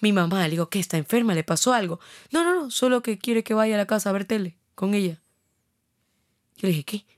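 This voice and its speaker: A woman, co-hosting a casual chat and telling a story with lively acted-out dialogue. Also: medium pitch, brisk, dry recording, clean studio sound. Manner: animated storyteller acting out quoted dialogue. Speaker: podcast co-host.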